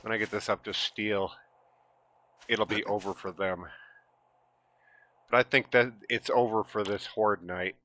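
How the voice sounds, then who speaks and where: A man's voice: lowish voice, steady tone, unhurried, long pauses. A man with a lisp from missing teeth gives casual, sweary, self-deprecating commentary as he plays a video game. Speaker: gamer hosting a gameplay video. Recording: gunfire and game noise behind voice. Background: loud video game gunfire.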